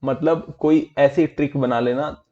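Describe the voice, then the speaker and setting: A man's voice: a little high, steady tone, measured pace, mellow. Man, online vocab teacher, chatty and friendly, mixes Hindi and English, muffled recording. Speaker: exam prep teacher.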